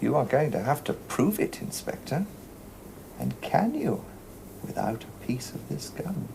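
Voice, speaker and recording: An actor playing a nonchalant male murder suspect in a television drama, answering in a cool, mocking, unhurried way. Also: mid-range voice, very animated, vocal fry, heavy background noise, full character voice. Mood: defiant. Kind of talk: British television drama acting.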